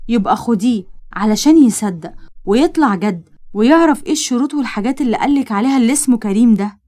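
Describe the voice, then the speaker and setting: A woman's voice: fairly high pitch, animated, quick pace, dark tone, close to an everyday voice. A woman with an Egyptian accent voicing a sensible young woman friend who gives worried advice. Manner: worried, advising.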